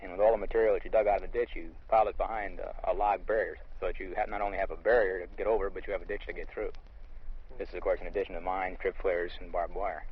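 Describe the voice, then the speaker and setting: Interviewed outdoors in the field, an American army lieutenant speaks fast and matter-of-factly, his low voice husky and flat in delivery. The audio has the dull, lo-fi quality of a vintage field recording.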